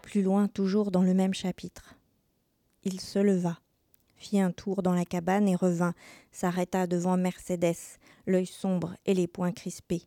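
A woman's voice: on the low side, flat delivery, measured pace, dark tone, no room sound, clean studio sound, soft background music. A woman who reads a story aloud in a theatrical way and then asks questions as an interviewer. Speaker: reader and interviewer. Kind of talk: theatrical reading.

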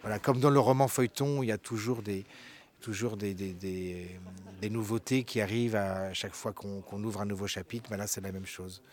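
A man's voice: on the low side, steady tone, moderate pace. A man who is a storyteller and co-director of a theatre company, answering an interview casually with many hesitations and repeated words.

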